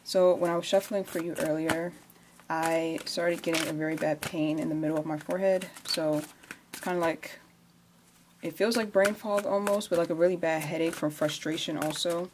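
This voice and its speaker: A woman giving a casual tarot reading at home, speaking quietly at night so as not to wake the house. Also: steady tone, moderate pace, background noise. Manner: quiet, low-key speaking at night, keeping it down for sleeping housemates. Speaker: tarot reader, channel host.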